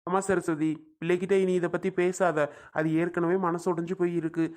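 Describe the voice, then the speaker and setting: Woman doing a tired patient dad, slow and calm, trying to keep the peace. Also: lowish voice, close to an everyday voice. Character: weary patient middle-aged father. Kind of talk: homemade family drama skit.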